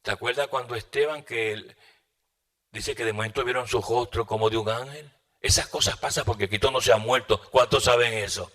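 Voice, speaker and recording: A man preaches a sermon, recounting a testimony with dramatic flair. His voice is bright and ringing at an ordinary pitch. He swings between loud, urgent bursts and quiet, hushed asides. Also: fairly quick.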